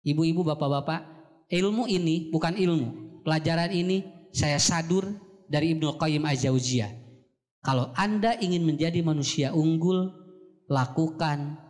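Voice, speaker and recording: A man's voice: on the high side, moderate pace, a little mellow, big-room sound. A Sundanese-accented man giving a parenting sermon, speaking straight to his listeners and answering his own questions. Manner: addresses the audience directly, asks and answers his own questions. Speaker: Islamic preacher.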